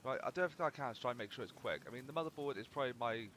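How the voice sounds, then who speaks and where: A man's voice: medium pitch, expressive, racing, fairly bright tone. A young man rambling casually through gameplay commentary, swearing freely as he chats. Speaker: gaming channel host.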